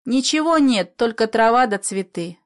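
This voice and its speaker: A woman's voice: a little high, expressive, normal speed, lightly acted. A woman voicing a dreamy, curious little bedridden boy who asks eager childish questions. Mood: plaintive.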